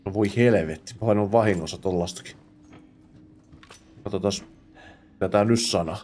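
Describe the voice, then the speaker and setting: His voice is lowish and a little mellow. As a gamer host running a let's play, he keeps up chatty self-talk, muttering as he plays and throwing in English exclamations and curses.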